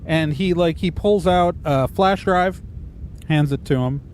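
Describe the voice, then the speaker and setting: A man's voice: on the high side, unhurried, darkish tone, a little hiss or hum. A man running a tabletop game as game master, improvising narration in a conversational way.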